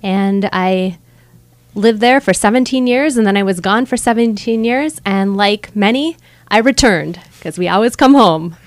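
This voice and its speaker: A woman in her thirties from Michigan's Upper Peninsula, appearing as a guest author in a radio studio interview, talks earnestly with light humor into a studio microphone. Her medium-pitched voice is unhurried, and the recording is dry.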